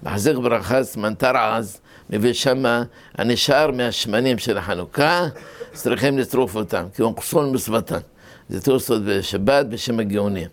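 In this Torah lesson, a rabbi lays out his explanations one step at a time, raises questions only to answer them himself, and tells anecdotes. When he stresses something, his pitch jumps up.

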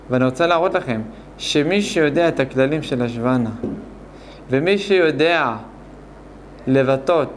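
A man teaching a Hebrew grammar lesson, explaining slowly and repeating points while asking his students questions. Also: fairly high pitch, slight background noise. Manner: slow, repetitive explaining with questions to the class. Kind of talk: classroom lesson.

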